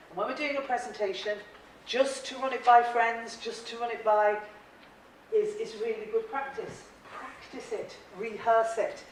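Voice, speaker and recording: An Irish woman with a voice on the high side hosts a presentation-skills workshop for a live group, conversational and encouraging, laughing frequently and inviting questions from the room. Recorded from afar in a large, echoey training room, the audio is very echoey with a little hiss or hum.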